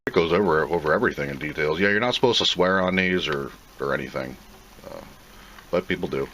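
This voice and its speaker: A male video host reviews a product, rambling through a casual, plain-spoken unboxing while thinking aloud. His bass voice has a fairly bright tone and moves at a quick pace. The audio is poor, with clear background noise.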